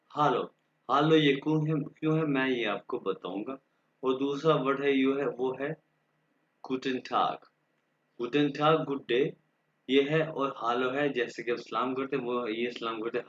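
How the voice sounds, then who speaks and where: A man whose first language is Urdu, teaching a German class online and slowly drilling the alphabet for students to repeat. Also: medium pitch, reverberant, dull audio, a little hiss or hum. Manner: slow, patient, drills letters aloud for students to repeat.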